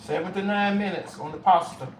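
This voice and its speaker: In a high-pitched voice, slightly fast, a middle-aged man chats with viewers and his pets while cooking in his home kitchen for a casual vlog. The recording has echo, background noise, and a distant mic.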